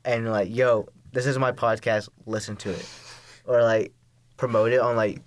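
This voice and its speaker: A man's voice: mid-range voice, level tone, normal speed. A man of twenty-one, a college student and podcast guest, chatting casually and laughing often.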